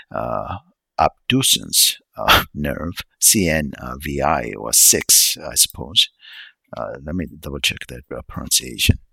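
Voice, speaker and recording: A man giving a casual unscripted lecture, halting with many fillers and stopping to check how words are pronounced. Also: a bass voice, gravelly, pushed and bright, breathy edge, no room sound. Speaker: solo video lecturer.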